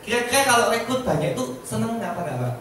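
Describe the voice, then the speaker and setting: A man's voice: very high-pitched, lively intonation, fast talker, fairly bright tone, soft background music. Chatty man in echoey room. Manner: chatty, asks the audience questions constantly. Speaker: insurance agent giving a sharing talk. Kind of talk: motivational sharing talk to a group. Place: meeting room with a small audience. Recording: echoey room heard from a distance.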